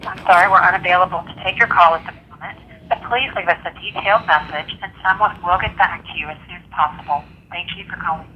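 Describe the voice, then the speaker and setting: A woman's pre-recorded voicemail greeting comes through a phone line. She reads it politely and evenly, with a bright, slightly low-pitched tone over a faint hiss. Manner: polite, even, measured phrasing. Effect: recorded voicemail greeting heard over a phone line. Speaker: answering machine greeting. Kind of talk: scripted recorded message.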